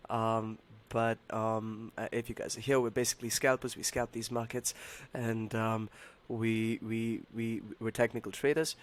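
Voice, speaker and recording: A man hosting a trading livestream, talking casually and haltingly to his viewers in a hoarse voice that sounds unwell. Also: on the low side, flat delivery. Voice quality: hoarse, strained voice. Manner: halting, repeats himself, addresses viewers as buddy and man. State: unwell, voice not as usual. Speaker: live trading stream host.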